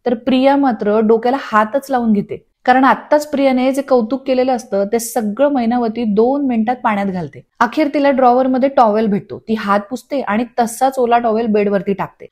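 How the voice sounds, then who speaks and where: A woman narrating a scripted voice-over recap of a TV serial, telling the scenes in a steady storytelling way. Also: on the high side. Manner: steady storytelling, reading dialogue aloud. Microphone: studio voice-over.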